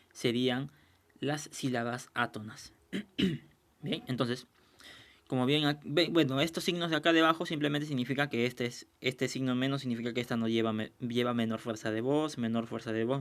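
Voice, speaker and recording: A man teaching a recorded lesson, explaining patiently, checking understanding and slowing down to sound out example words. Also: mid-range voice.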